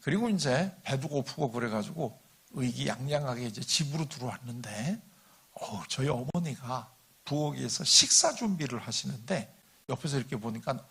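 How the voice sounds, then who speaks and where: A man's voice: medium pitch, lively intonation, normal speed, gravelly, a bit bright, husky. An older man speaking as a guest lecturer at a church meeting, in a conversational style, often putting questions to the audience and chuckling along.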